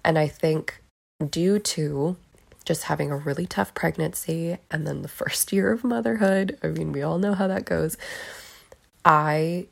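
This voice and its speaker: A woman in her thirties hosts her own podcast alone, her voice sitting low and moving at a measured pace. She gushes affectionately and swears casually, sounding hoarse because she is losing her voice.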